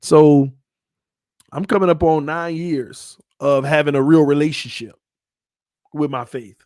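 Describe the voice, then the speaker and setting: A thirty-something man with a slightly raised pitch talks openly about his own life. He speaks casually and often laughs, with plenty of ums and restarts. His voice sounds close and dry, with no room around it. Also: steady tone, a little slow, a little mellow, dry recording. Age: 30s. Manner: candid, laughs often, many fillers and restarts. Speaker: channel host. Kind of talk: casual personal storytelling.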